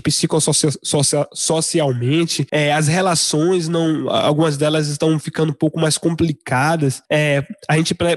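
A man's voice: on the high side, dry recording. A man in a casual discussion, explaining his views reflectively with frequent restarts and fillers. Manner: hesitant, many restarts and fillers.

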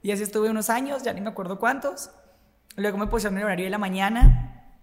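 A woman, a radio host, chatting casually in an interview and talking very fast in an animated way. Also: medium pitch. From Colombia. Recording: long room reverb.

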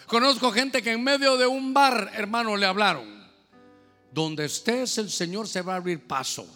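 A male pastor preaches with emphasis, repeating phrases and asking the congregation questions. His voice is high and bright. It echoes through a church with soft music underneath. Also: normal speed. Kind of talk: sermon. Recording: echoey hall, faint music.

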